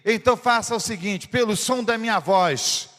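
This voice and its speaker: A man's voice: sits high, moderate pace, a bit bright. A man playing a patient father who insistently encourages his son, in a reverberant church hall. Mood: urging. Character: calm, reassuring father guiding his son.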